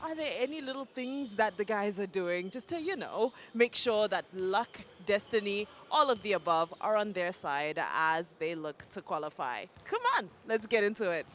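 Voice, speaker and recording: A woman's voice: medium pitch, lively intonation, normal speed, few pauses, a bit bright, a little hiss or hum. An upbeat woman presenter on a basketball court, interviewing players at a practice session. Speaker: sports interviewer.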